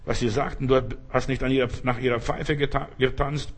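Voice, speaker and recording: A man's voice: mid-range voice, little pitch movement, fairly quick. A man preaching a fervent sermon, repeating his points and calling out Hallelujah.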